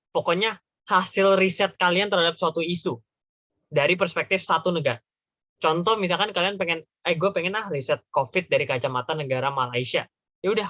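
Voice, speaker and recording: Bright, chatty young man teaching. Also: fairly high pitch, dry recording. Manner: slangy, chatty, repeats points with "gitu ya". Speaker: workshop tutor. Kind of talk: casual online class lecture.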